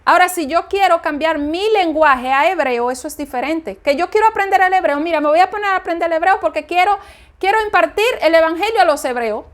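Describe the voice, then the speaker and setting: A woman with a strikingly high voice gives an informal spoken sermon in her native Spanish. She is emphatic and circles back to say each point several times. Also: animated, brisk.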